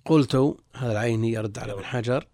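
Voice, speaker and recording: A man's voice: mid-range voice, steady tone, fast, darkish tone, no room sound, studio quality. A male religious scholar reading and explaining texts in formal classical Arabic, repeating phrases as he goes. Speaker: religious scholar, guest teacher.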